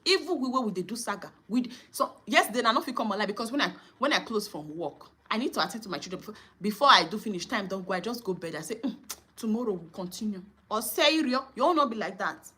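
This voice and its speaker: A woman's voice: mid-range voice, expressive, quick pace, few pauses, bright, forceful tone, husky. A Nigerian woman vlogger giving indignant, scolding commentary, mixing English and Pidgin.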